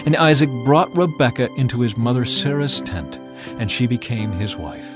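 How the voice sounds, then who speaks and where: A man reads scripture as scripted audiobook narration, delivering it in a measured, dramatized storytelling style. His voice is medium-pitched with lively intonation, over background music.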